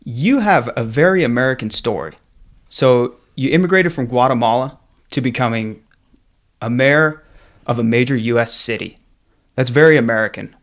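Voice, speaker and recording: A man's voice: mid-range voice, expressive, moderate pace. A man hosting a podcast, introducing the episode and asking direct, opinionated questions. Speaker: podcast host. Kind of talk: podcast interview.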